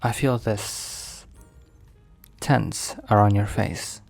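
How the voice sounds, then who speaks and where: Playing an overprotective mafia boss in a boyfriend ASMR piece, the man commits to a full character voice that is gravelly, a little mellow and low. He sounds concerned and gentle, keeps his intonation fairly even, and speaks with formal care and hesitant pauses as music plays.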